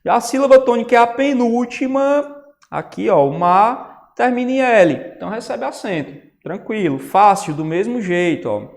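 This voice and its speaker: Male teacher in an online lecture, higher-pitched, in a reverberant space. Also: lively intonation, moderate pace, gravelly. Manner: explanatory, says "né?" and "ó" often. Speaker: Portuguese teacher. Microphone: writing on a tablet while talking. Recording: long reverb.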